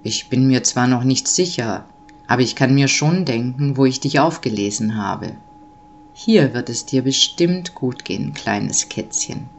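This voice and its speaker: A woman voicing a big, friendly old Nikolaus, speaking slowly and low. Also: expressive, a little hiss or hum, heavily acted. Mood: kindly. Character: deep-voiced kindly old Nikolaus, a big man.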